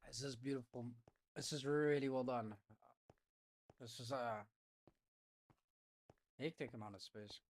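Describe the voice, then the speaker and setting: A sniffly man live-streams from his room at home, muttering casually to himself in slangy, offhand talk as he sets things up. He speaks a little slowly at medium pitch, with long pauses.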